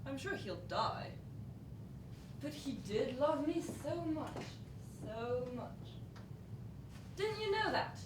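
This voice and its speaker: A giddy, flighty young bride rattles on mockingly in a high, swooping voice, as an actress plays her on stage. The sound is distant and roomy, with a clear background rumble. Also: big pitch swings, slow, pauses often, heavily acted. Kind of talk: stage play monologue. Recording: echoey noisy stage from far off.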